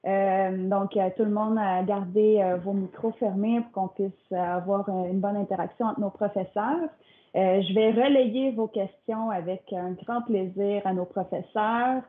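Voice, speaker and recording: A young woman moderates an online talk, with many filler sounds between her phrases. Her voice comes through thin and phone-like, as over a weak video call line. She speaks at a middle pitch. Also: fairly even intonation, unhurried, slight background noise. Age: young adult. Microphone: computer mic on a video call.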